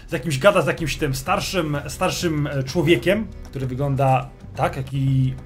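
A man's voice: on the high side, normal speed, soft background music. A man acting as game master, casually describing the scene to his players in the second person, loose and hesitant. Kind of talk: casual narration of a tabletop role-playing game.

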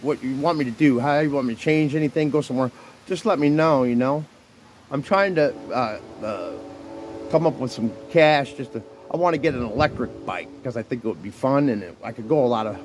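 Rough-talking man in his fifties on a bike. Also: medium pitch, a little mellow. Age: 50s. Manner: rough-spoken, earnest, halting with many restarts. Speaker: vlogger. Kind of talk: rambling religious talk to camera. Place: outdoors, riding a bicycle in the rain. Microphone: phone held while riding. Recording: wind noise and rain hitting the phone mic.

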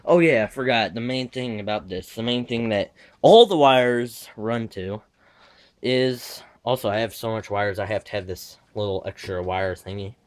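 A teenage boy, his voice fairly low and his speed normal, gives an offhand, wandering tour of his bedroom gaming setup on a handheld camera. His retainer makes him slightly lispy, and his casual rambling is full of self-correcting asides.

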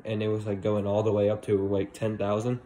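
A man's voice: on the low side, monotone, fairly quick, dark tone, rough recording. A teenage boy vlogging casually on a phone he holds at arm's length, rambling with lots of fillers, walking outdoors at a mall at night. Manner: rambling, filler-heavy, upbeat sign-offs. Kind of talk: casual vlog narration. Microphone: phone held at arm's length.

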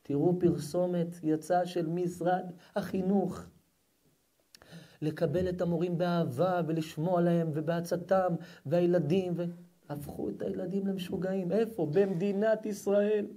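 A rabbi preaching a fiery sermon to a live crowd. His voice is high for a man, and he swings from shouting to quiet, biting sarcasm. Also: fairly even intonation. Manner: addresses the crowd directly. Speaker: rabbi giving a public lecture. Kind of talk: impassioned sermon.

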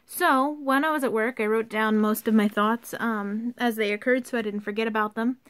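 A young woman giving an earnest, somewhat halting rant to camera from a basement, partly reading from her notes. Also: on the high side, fairly even intonation, a bit bright, clear, resonant tone. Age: young adult. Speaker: vlogger. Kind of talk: informal video rant, partly read from notes. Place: unfinished basement used for storing workout equipment.

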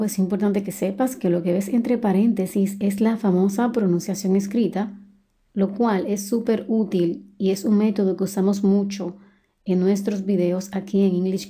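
A woman, teaching a beginner English lesson in a slow, clear voice. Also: medium pitch, dark tone. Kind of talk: language lesson narration.

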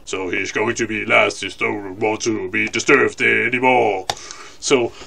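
Gravelly Danish-accented gamer guy. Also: lowish voice, fairly even intonation, measured pace, pushed and bright. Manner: playful, retells and dubs the characters' lines in English. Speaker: let's play gamer. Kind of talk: casual gameplay commentary.

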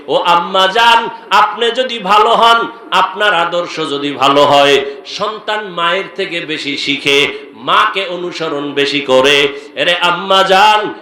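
A man preaches a fervent Islamic sermon in a high-pitched, bright, forceful voice, partly chanted. He exhorts listeners emotionally, appeals to them directly, and stretches his calls into drawn-out melodic chant. The amplified sound echoes.

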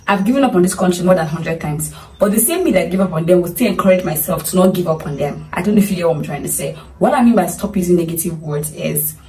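A woman's voice: lowish voice, a little mellow, roomy sound, far from the mic, a little hiss or hum, rough recording. A Nigerian woman with a Nigerian accent, earnestly urging her listeners in a motivational talk, pleading and repeating herself for emphasis. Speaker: vlogger.

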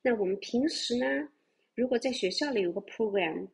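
Clear-voiced woman teaching English words. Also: a little high, lively intonation. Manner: explains words, spells them out letter by letter, slows down on English examples. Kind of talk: vocabulary lesson.

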